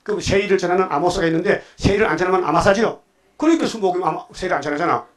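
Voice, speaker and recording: A man's voice: high-pitched, very fast. A male pastor preaching a sermon, emphatic and full of rhetorical questions to the congregation, sometimes acting out quoted voices. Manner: acts out quoted voices of God and the devil.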